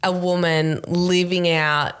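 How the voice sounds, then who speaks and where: A woman host chats casually on her podcast and keeps encouraging her guest with affirmations. Her voice sits a little low, and her speech is loose, with frequent fillers. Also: level tone, slow pace, fairly bright tone, smooth.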